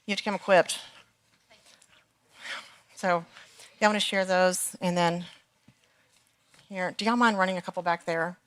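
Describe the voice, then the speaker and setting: A woman with an American accent, leading a church teaching session in a chatty, playful way, laughing often and rising high when excited. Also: unhurried, pauses often. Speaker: women's ministry leader. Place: church meeting room.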